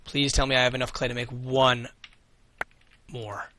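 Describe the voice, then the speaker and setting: A man with a bright, forceful, mid-range voice that he's starting to lose talks over a video game he's playing for a let's play. In a level tone at a moderate pace, he mutters his plans aloud and swears casually when things go wrong, with a little hiss or hum on the recording.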